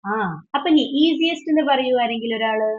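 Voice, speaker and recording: A woman's voice: sits high, fairly quick. A woman teaching an online English grammar class, patient and questioning, often switching into English as she explains. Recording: dull lo-fi online call audio.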